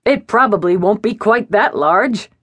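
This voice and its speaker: A woman's voice: mid-range voice, expressive, a little slow, fairly bright tone, no echo, voice pushed up. A woman reading the lines of a cheerful, reassuring male veterinarian in an audiobook. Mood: jolly.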